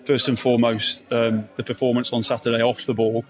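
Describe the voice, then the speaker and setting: A man's voice: medium pitch, flat delivery, brisk, soft background music. A man, a football manager, giving a post-match interview with many hesitant ums and restarts.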